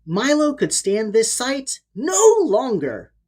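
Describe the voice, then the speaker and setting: A woman with a voice on the high side reads a children's story aloud slowly, acting it out dramatically and theatrically as a storybook narrator. Her tone is a little mellow, and her pitch moves in huge swings.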